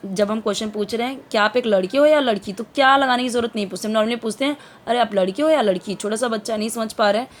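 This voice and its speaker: A woman giving an English lesson, explaining slowly in a mix of Hindi and English with many fillers. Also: a little high. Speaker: English teacher.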